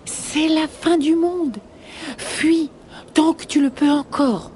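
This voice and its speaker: A sly snake from a children's storybook hisses his words, as a woman voices him. He draws each phrase out slowly in a raised, mellow voice. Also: high voice, steady tone, voice pushed up. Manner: hissing, drawn-out. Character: sly male forest snake.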